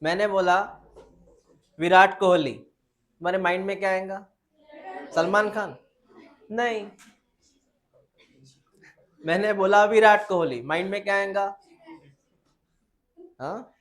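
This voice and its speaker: Here a biology teacher lectures his class, his voice high and animated and his manner casual. Calling the students "beta," he poses questions and then answers them himself. When he quotes the English textbook, he turns slow and deliberate.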